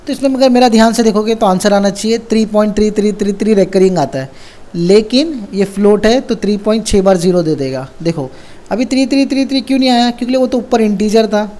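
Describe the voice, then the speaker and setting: A man's voice: high-pitched, fast, dark tone. A man teaching a casual coding lesson, who keeps asking and answering his own questions and repeats the key words. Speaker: programming tutor.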